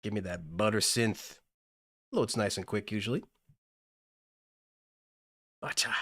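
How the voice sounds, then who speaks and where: A man's voice: fairly low pitch, moderate pace. A man hosting a casual weekly music-making livestream, upbeat, thinking aloud as he works and thanking viewers. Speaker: livestream host. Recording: loud synth music over the voice.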